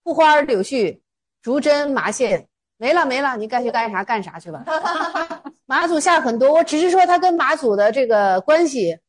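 High-voiced woman telling Zen stories. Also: lively intonation, normal speed. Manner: colloquial, acts out dialogue in stories. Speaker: Zen teacher. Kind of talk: casual koan storytelling.

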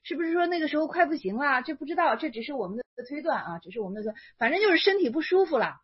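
A woman's voice: high voice, very animated, racing, dull audio. A woman explaining an old Chan koan in a casual lecture, thinking aloud and correcting herself as she goes. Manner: thinking aloud, self-correcting, many fillers.

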